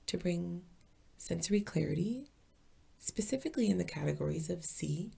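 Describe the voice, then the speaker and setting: A woman guides a meditation as a teacher, her soft, breathy voice pitched fairly low and her delivery calm, soothing and deliberate.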